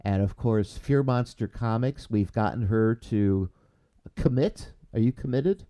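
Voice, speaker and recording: A man hosting a casual podcast, talking in a halting way with many restarts, growing more upbeat as he signs off. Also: on the low side, warm tone. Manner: halting, many restarts and fillers, rising when signing off. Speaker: podcast host.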